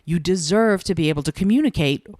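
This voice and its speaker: A woman with a low speaking voice, hosting a solo podcast as a communication coach, talking in a measured, deliberate way with thoughtful pauses. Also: a little mellow, no room sound, clean studio sound.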